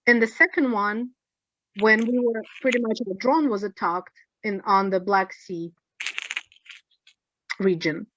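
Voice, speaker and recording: A woman's voice: medium pitch, fairly even intonation, unhurried, pauses often, noisy background. Rambling woman on dull call audio. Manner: critical, rambling with restarts. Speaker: discussion participant. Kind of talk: casual panel discussion. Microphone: video call.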